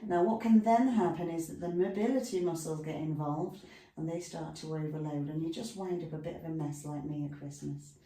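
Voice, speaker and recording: In an echoey home room with a dog nearby and the mic far off, a woman instructor leads stretches in a chatty way, sprinkling asides between cues. She speaks briskly with few pauses in a low-pitched, warm voice.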